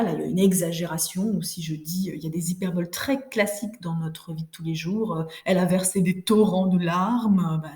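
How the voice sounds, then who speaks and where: A woman teaching a recorded class lesson in a low-pitched, mellow voice. She explains each point step by step and keeps checking in with her pupils. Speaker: French teacher.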